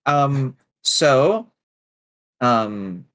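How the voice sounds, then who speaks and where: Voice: mid-range voice, animated, very slow, fairly bright tone, dry recording. A player in a tabletop role-play game who fumbles and stalls with fillers while talking in character.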